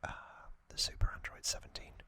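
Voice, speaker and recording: This explainer comes from an ASMR host whispering breathily without voicing, taking their time and pausing often as though speaking off the cuff. The whisper has a sharp tone.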